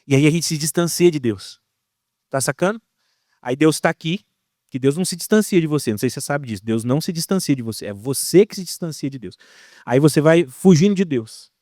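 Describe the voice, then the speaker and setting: A young man with a Brazilian accent preaching a casual, slang-filled sermon in an animated way. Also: a little high, a little fast, no room sound, studio quality. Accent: Brazilian Portuguese.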